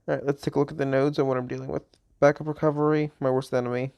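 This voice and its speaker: A man at a mid pitch talks over his gameplay in a loose, rambling way. He sounds a bit tired and often trails off or restarts his sentences. It is plain, unscripted commentary into a home microphone. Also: flat delivery, racing, gravelly, darkish tone, clean tone. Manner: rambling, chatty, self-correcting. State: a little tired. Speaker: gaming channel host.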